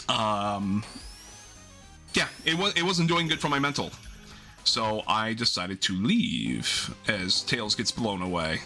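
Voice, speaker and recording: A man hosts a livestream of casual gaming chat, rambling, getting sidetracked, and often interrupting himself. His medium-pitched voice is bright and forceful.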